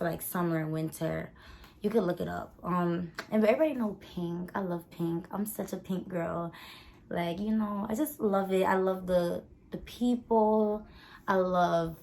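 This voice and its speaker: A woman's voice: fairly low pitch, darkish tone. A 21-year-old woman from the Bronx, chatting casually through a Q and A, rambling with lots of fillers. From the Bronx, New York. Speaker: vlogger. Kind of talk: casual Q and A chat.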